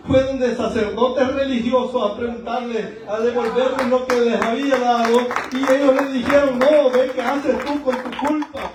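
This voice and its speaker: High pitched guy preaching at church, emotional testimony, lots of echo, mic far off. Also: a little mellow. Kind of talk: evangelical sermon. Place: church service in a large room. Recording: very echoey room, voice far from mic.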